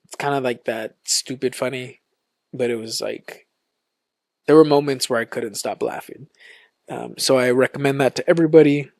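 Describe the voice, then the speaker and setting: A man hosting his own podcast in a relaxed, casual way, with lots of ums and likes. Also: mid-range voice, moderate pace, vocal fry, dry recording, clean studio sound. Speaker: podcast host. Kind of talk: casual solo podcast chat.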